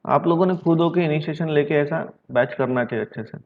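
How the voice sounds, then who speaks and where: A man's voice: on the high side, a little fast. Stern lecturing man, math teacher. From Maharashtra, India. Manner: scolding, repeats himself, mixes English math terms into his talk. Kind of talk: online classroom lecture. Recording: dull lo-fi sound.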